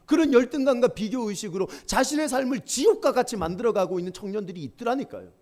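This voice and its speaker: A male pastor preaching a sermon to a youth group, animated and humorous, often asking the congregation to repeat after him. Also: very high-pitched, fast talker.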